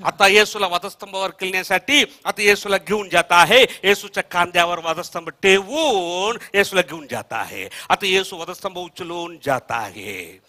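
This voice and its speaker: A man with a Marathi accent preaching a Bible study sermon, echoing verses after a reader and swinging between soft murmurs and loud shouted calls. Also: high voice, normal speed, few pauses. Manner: repeats verses line by line after the reader, prompting with "हा". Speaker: pastor.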